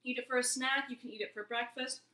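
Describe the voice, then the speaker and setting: Speaking fast in a high-pitched, steady tone, a woman in her twenties is heard with a crowd in the background. She's a cooking vlogger giving a casual, chatty demonstration in her home kitchen, guiding viewers through each step amid a roomy echo.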